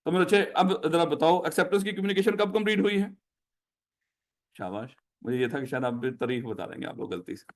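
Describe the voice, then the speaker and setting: A man's voice: a little high, animated, brisk. A man with a Pakistani Urdu accent lecturing a class, repeating each question to drill it in and calling his students "my child".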